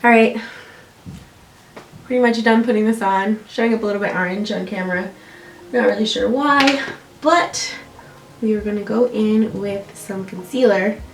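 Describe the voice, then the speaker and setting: A young American woman, a beauty vlogger congested from allergies, talks through a makeup tutorial in a nasal, mid-range voice at normal speed with long pauses. She chats casually and pokes fun at herself. The distant mic picks up a roomy echo, slight background noise, and faint music.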